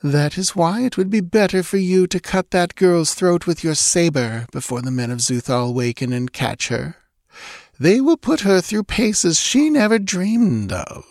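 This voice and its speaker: A man's voice: high voice, animated, measured pace, darkish tone, no echo, clean studio sound, pitched above the performer's own voice. A man reading aloud and voicing a seductive, lazily mocking Stygian woman. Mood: languid boasting. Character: sultry scheming Stygian woman, mocking and languid.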